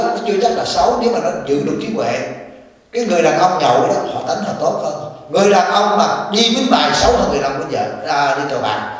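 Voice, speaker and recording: A monk speaks in a teasing, lively tone, counseling a woman before an audience. His voice sits high for a man. The sound is echoey and distant, with a long hall reverb. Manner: teasing, animated, addresses listener as child. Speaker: abbot giving Buddhist counsel. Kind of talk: informal Dharma talk, counseling a woman.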